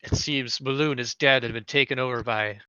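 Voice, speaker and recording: A man voicing a calm, commanding female archmage who talks in a formal, measured way, in a dull lo-fi recording. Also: mid-range voice, smooth, no room sound, lightly acted.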